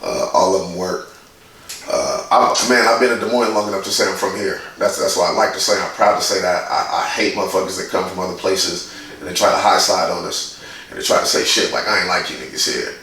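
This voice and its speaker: A man's voice: deep voice, brisk, sharp tone, heavy reverb, recorded from a distance, slight background noise, rough recording. A man in his forties from Indiana, a guest in a casual interview, who tells stories bluntly and swears freely. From Indiana, USA. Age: 40s. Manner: blunt, profane, storytelling. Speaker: guest, graffiti artist.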